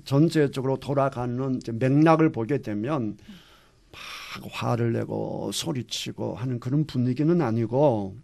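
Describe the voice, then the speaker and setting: A man's voice: mid-range voice, creaky, darkish tone. A male pastor teaching a Bible class, asking the class questions and acting out quotes. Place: church classroom.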